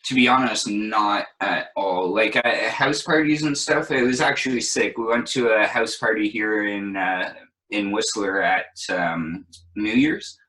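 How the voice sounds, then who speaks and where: A young man with a low-pitched voice but a bright, forceful tone. He talks in a laid-back, rambling way full of fillers, like easy casual chat. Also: a little slow, low-quality recording. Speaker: guest DJ and producer.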